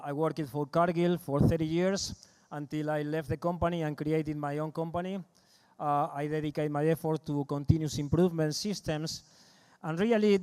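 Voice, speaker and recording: This is a conference presentation by a man in his fifties who speaks with an Argentine Spanish accent. Friendly and hesitant, he restarts phrases and repeats words in a mellow, smooth, somewhat high voice amplified through a large hall's PA.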